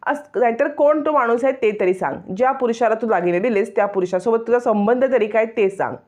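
A woman's voice: a little high, fairly quick, voice pushed up, close to an everyday voice. A woman doing a furious scolding mother-in-law. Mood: angry, accusing. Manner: shouting accusations, scolding. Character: furious older mother-in-law, harsh and accusing.

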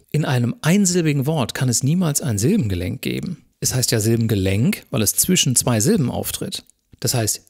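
A calm male lecturer walks his viewers through exam questions one step at a time. His voice sits at an ordinary middle pitch, and his delivery is measured and methodical, like a recorded university lesson.

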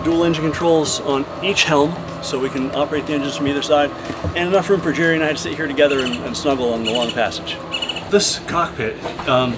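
A man giving a casual walkthrough of his sailing catamaran, talking in a relaxed, rambling way with plenty of ums and uhs. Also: fairly high pitch, background noise. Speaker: boat owner giving a tour. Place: aboard a sailing catamaran, outdoors and in engine room. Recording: music playing underneath.

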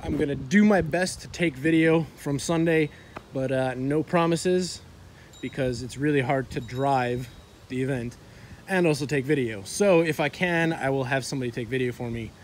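A man's voice: medium pitch, moderate pace, darkish tone. A young man talking casually like a vlogger, with laid-back skater-bro slang. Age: young adult. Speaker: car vlogger. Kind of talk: casual vlog talk. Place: outdoors, driveway and open skatepark. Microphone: phone held at arm's length. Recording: outdoor phone recording with ambient noise.

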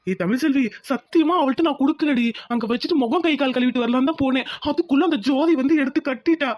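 A woman's voice: sits high, quick pace, muffled recording, close to an everyday voice. A woman voicing a young village husband who pleads earnestly with his wife and coaxes her. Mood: pleading. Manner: pleading, coaxing.

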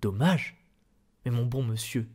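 A man voicing a placid, oily newspaper director who hems and hedges, in a soft-spoken ASMR reading. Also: mid-range voice, slow, slightly rough. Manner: oily, hesitant with ums. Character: smooth, placid middle-aged male newspaper director, unctuous.

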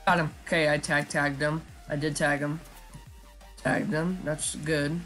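A man giving casual live commentary while he plays a shooter game, talking in a flat, chatty way with lots of ums. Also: on the high side, unhurried, soft background music. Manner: self-described monotone, chatty, with frequent ums. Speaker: gaming YouTuber.

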